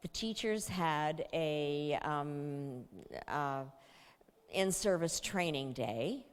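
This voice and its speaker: A woman's voice: deep voice, expressive, drawn-out words, clean tone. A woman giving a talk and telling a story in a conversational way, with fillers and restarts. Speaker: speaker. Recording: long hall reverb.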